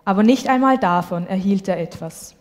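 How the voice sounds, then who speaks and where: A woman's voice: medium pitch, normal speed. Woman reading scripture in a hall. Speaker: scripture reader. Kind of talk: Bible reading. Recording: long hall reverb.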